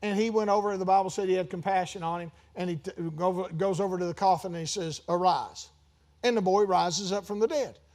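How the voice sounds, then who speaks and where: A pastor preaching a sermon in a conversational way, with sudden emphatic bursts and joking asides. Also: male voice, high-pitched, fairly quick, a little mellow.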